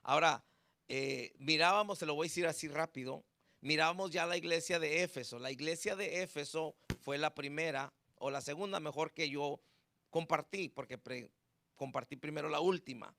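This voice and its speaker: A man's voice: on the high side, moderate pace, sharp tone. A man preaching a conversational sermon, dropping in English words and leading a prayer. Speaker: pastor.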